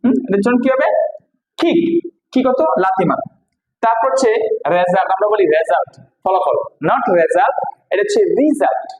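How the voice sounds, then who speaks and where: A man's voice: very high voice, big pitch swings. Echoey Bangladeshi man teaching pronunciation. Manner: repeats each word slowly, quizzing the viewer. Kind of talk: spoken classroom lesson.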